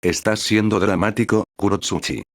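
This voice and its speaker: Rough mocking warrior captain, read by a guy, deep voice. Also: normal speed, no room sound, studio quality. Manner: teasing, taunting.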